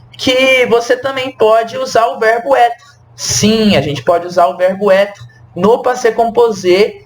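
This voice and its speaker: A young man leads a language lesson in a high voice, taking his time with every phrase. He repeats examples and checks in with the viewer, over a faint background hum. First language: Portuguese. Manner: slow, repeats phrases, asks the viewer questions. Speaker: French teacher.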